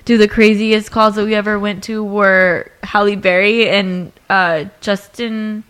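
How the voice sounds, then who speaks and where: A woman's voice: medium pitch, fairly even intonation, a little slow, fairly bright tone, smooth. A young woman co-hosting a podcast, gossiping casually with lots of swearing and laughter. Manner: profane, laughing, celebrity gossip banter. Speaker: podcast co-host. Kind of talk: casual chat. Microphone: podcast mic.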